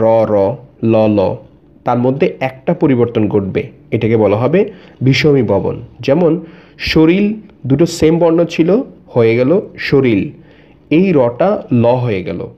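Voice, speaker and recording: A man teaches an exam-prep grammar lesson, explaining step by step, repeating each example and answering his own questions. His voice is mid-range and the audio is dull.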